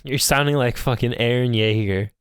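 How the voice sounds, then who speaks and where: A man's voice: mid-range voice, moderate pace, smooth, no echo, clean studio sound. A man co-hosting a casual podcast, teasing and joking with his friend, with some swearing. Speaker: podcast co-host. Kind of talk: casual chat.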